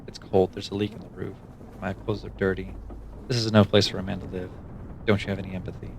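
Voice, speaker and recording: A man voicing a gloomy, sardonic dead man who mutters low and grumbles at his visitor. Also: flat delivery, fast talker, vocal fry, a little hiss or hum. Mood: complaining.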